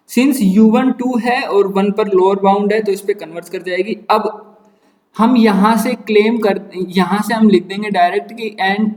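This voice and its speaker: A man's voice: sits high, darkish tone, reverberant, big-room sound, recorded from a distance. A man teaching a maths lesson online. He explains each step, mixes English terms into his speech and puts questions to his students.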